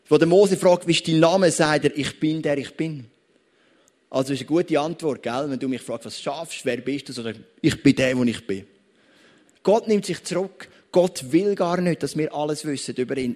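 A man with a Swiss German accent preaching a sermon, speaking conversationally and addressing the listeners directly. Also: sits high. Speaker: pastor.

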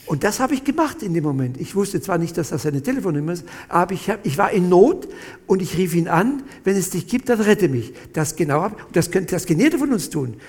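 A man tells his own life story to a gathered audience. His voice sits a little high, and he talks in halting bursts, turning often to his listeners. The sound carries a long hall echo. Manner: animated, halting storyteller, addresses listeners directly. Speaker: speaker giving a testimony. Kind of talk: personal testimony to an audience.

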